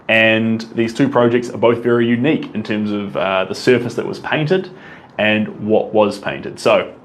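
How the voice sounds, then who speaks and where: A young man with a New Zealand accent speaks in a lowish voice over slight hiss or hum. He's an artist casually fielding viewer questions in a Q&A monologue, rambling eagerly with lots of ums and restarts.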